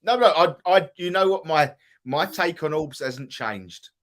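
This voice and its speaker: A man's voice: fairly high pitch, unhurried, fairly bright tone. A man with an Essex accent hosting a live podcast, chatting in a rambling way with restarts. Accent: Essex English. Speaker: host.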